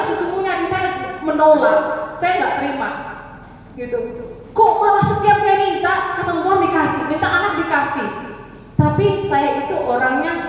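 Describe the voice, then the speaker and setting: A high-pitched woman from Madura tells her story to a church congregation, animated and speaking straight to them. Her voice rings through a big echoing hall, picked up from a distance with faint room ambience. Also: a little hiss or hum. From Madura, Indonesia. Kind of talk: church testimony. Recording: echoey church hall, mic heard from afar.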